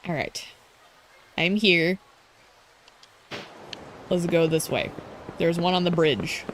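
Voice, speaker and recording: A woman's voice: fairly low pitch, takes it slowly, slight background noise, poor audio. Chatty woman streamer, blunt and exasperated. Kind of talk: casual gameplay commentary.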